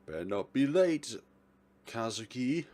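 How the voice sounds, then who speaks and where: Warm and medium-pitched, this man's voice takes big pitch swings as he reads a visual novel aloud at a measured pace. His gaming commentary is playful: he exclaims, laughs, voices the narrator's lines, and tosses in chuckly jokes between the text.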